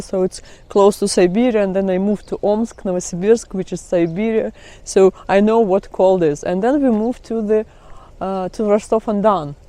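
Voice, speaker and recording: A middle-aged woman from Kazakhstan vlogs outdoors beside trees in melting ice, her medium-pitched voice dark in tone with no echo. She chats casually with a Russian accent, laughs often, and phrases things the way a non-native speaker would.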